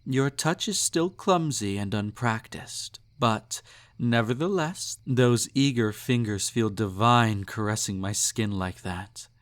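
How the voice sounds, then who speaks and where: In an intimate romantic audio roleplay, a man plays a snobby, possessive emperor who is indulgent and menacing, speaking in a lowish voice at a slow pace. His delivery is haughty, purring and condescending. The mood is smug, tender and teasing.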